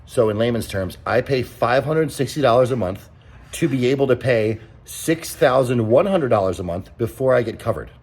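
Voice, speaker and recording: A man's voice: mid-range voice, animated, moderate pace, darkish tone, slightly rough, poor audio. A young man talking in a casual vlog, blunt and exasperated, swearing freely as he rants. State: out of breath. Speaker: vlogger.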